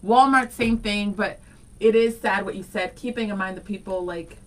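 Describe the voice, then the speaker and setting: A woman from Ohio in her thirties co-hosting a morning radio show, bubbly and excitable, reading listener comments aloud. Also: medium pitch, normal speed, rough recording. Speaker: radio co-host. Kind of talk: casual morning radio chat.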